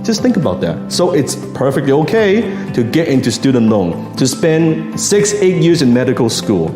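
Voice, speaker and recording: A man giving a motivational sales talk, lively and acting out the people he quotes. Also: medium pitch, moderate pace. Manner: animated, acts out quoted voices. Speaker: sales speaker. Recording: echoey room with music behind.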